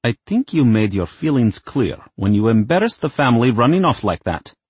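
A man's voice: mid-range voice, very animated, moderate pace, a little mellow, breathy edge, no room sound, pitched above the performer's own voice. A man reading a story, voicing a stern, scheming middle-aged mother who scolds her daughter. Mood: cold. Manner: curt, scolding.

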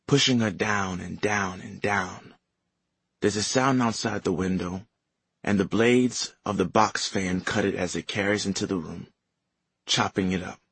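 A man narrating a novel in first person with a measured, lyrical reading, on a close mic. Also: fairly low pitch, slightly rough, no echo. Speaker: audiobook narrator. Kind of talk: scripted narration.

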